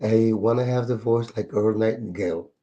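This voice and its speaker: A man's voice: fairly low pitch, moderate pace, warm tone, dull audio. A man co-hosting a faith talk show while losing his voice, sounding apologetic and good-humored. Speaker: co-host.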